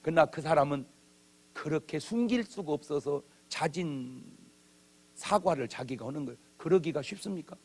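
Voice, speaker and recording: A man's voice: a little high, fairly bright tone. A man preaching a revival sermon in a church, with humor and acted-out bits of dialogue. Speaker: pastor. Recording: old church video.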